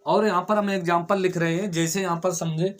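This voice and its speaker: A man's voice: high-pitched, fairly even intonation, brisk, soft background music. A male teacher giving a classroom grammar lesson, explaining step by step and repeating key words, often asking the class a question and answering it himself.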